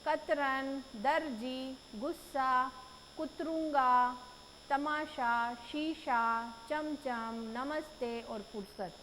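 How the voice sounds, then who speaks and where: High-voiced teacher reading to children. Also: female voice, a bit bright. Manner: patient, explaining, tag questions. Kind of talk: reading a story aloud to young children and explaining words. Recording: echoey room, faint noise.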